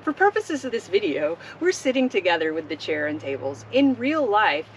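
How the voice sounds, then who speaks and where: A woman's voice: medium pitch, big pitch swings, moderate pace, slight background noise. A middle-aged woman co-hosting a casual camping gear review outdoors, playful and joking. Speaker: vlog co-host. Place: outdoors at a riverside campsite.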